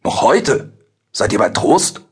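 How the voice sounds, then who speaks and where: A man's voice: mid-range voice, animated, a little slow, breathy edge, pitched above the performer's own voice. A man doing a flustered, sly old judge. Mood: startled. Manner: blustering, evasive.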